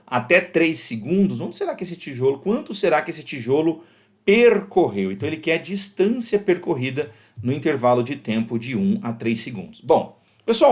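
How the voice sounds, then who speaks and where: A man with a Brazilian Portuguese accent, a physics teacher explaining exam problems in a video lesson, lively and animated, acting out little scenes. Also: a little high. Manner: lively, animated, acts out shouts in the example.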